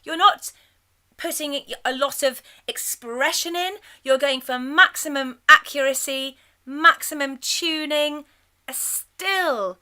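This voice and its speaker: A middle-aged woman leading a choir course, chatting warmly and breaking into sung demonstrations. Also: high-pitched. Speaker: choir leader teaching a course. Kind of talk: enthusiastic spoken lesson with sung demonstrations.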